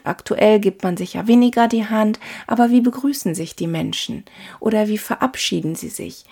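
Female coach, unhurried spoken lesson, gravelly, plenty of fillers. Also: medium pitch. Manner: calm, talks to the listener directly, many "ne?" tags and fillers. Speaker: body language coach. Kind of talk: spoken lesson on body language.

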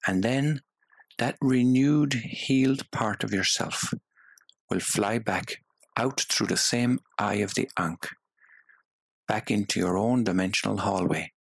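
A man guides a meditation in a very low, husky voice with plenty of gravel in it. He speaks softly and hypnotically and leaves long pauses between phrases. The sound is close and completely dry. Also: no echo, rough recording.

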